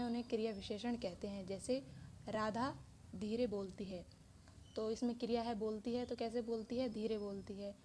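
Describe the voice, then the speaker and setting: A woman's voice: on the high side, mellow, slight background noise. A woman teaching a grammar lesson, explaining step by step with many examples.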